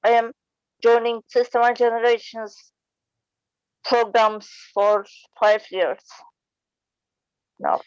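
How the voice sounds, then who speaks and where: A woman, giving short, halting answers on a video call. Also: a little high, fairly even intonation, smooth. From Turkey. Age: 30s. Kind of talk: self-introduction on a video call. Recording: dull lo-fi call audio.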